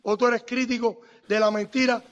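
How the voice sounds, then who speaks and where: Middle-aged Cuban male coach, very high voice, emphatic debater, slightly muffled recording. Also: level tone, moderate pace. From Cuba. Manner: emphatic, repeats short phrases. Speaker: boxing coach. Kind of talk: heated debate.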